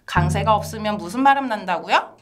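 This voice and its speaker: A woman hosting a language lesson in an animated style, laughing often and quizzing her co-teacher. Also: mid-range voice, fairly quick. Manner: bright and animated, laughs often, asks questions to engage viewers. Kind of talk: lively two-person language lesson.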